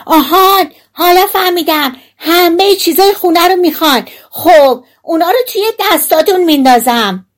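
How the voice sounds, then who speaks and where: Thumbling, a woman doing a tiny shrill shouting boy. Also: hardly any pauses. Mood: loud cheeky. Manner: shouting, piercing. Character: tiny shrill bold boy, loud and cheeky.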